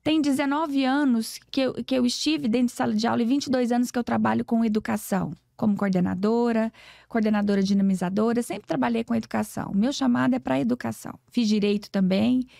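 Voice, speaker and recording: Woman, Brazilian accent, forties, gravelly fry, earnest motivational storyteller, dry close sound. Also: a little high, steady tone, fast talker, warm tone, no room sound. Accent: Brazilian Portuguese. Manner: earnest, preachy, acts out dialogues. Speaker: podcast guest, educator. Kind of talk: emotional storytelling interview.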